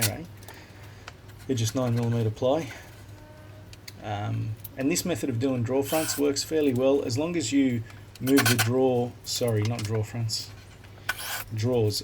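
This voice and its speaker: An Australian woodworking video maker records a casual voice-over of a workshop build using his phone's voice recorder app, not a microphone, so it's noisy. His mid-range voice stays relaxed and plain as he explains each step.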